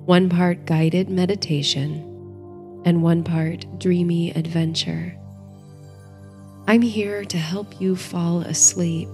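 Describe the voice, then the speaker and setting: A woman with a fairly low, mellow voice narrates slowly and soothingly over faint music. As host of a sleep story series, she reads bedtime stories and guides meditations in a hushed, gentle, unhurried way.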